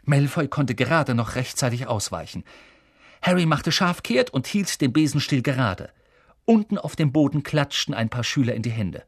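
A man reading a story aloud in an animated storytelling manner. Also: medium pitch, moderate pace, slightly rough, no room sound, studio quality. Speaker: audiobook reader. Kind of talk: scripted narration.

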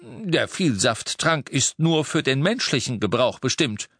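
A man's voice: mid-range voice, big pitch swings, measured pace, fairly bright tone, husky, dry recording, studio quality, pitched above the performer's own voice, heavily acted. Male narrator's urgent wizard, clipped questions, raised and intense. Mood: urgent, stern. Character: grim tense grown wizard, clipped and urgent.

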